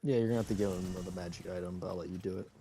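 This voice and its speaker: A man's voice: deep voice, rapid-fire, over a noisy crowd. Laid-back young man chatting over gameplay. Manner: relaxed, rambling with fillers and hedges. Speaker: gamer co-op player. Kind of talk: casual gameplay chat.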